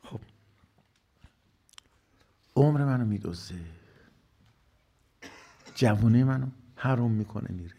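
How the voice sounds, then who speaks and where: Husky-voiced man preaching with rhetorical questions. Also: mid-range voice, long pauses, mellow. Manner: rhetorical questions answered himself, rising to emphatic bursts. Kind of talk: religious sermon.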